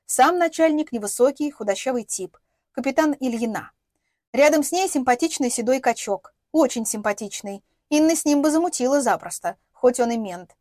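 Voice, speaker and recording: A woman reading an audiobook in a lively, wry narrative style. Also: high-pitched, moderate pace, no echo, clean studio sound.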